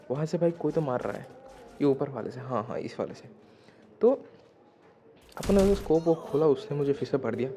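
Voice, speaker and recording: A young man giving casual, slangy, excited commentary over his gameplay highlights. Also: slight background noise. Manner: excited, slangy, talks to viewers as "bhai". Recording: voice-over with loud background music.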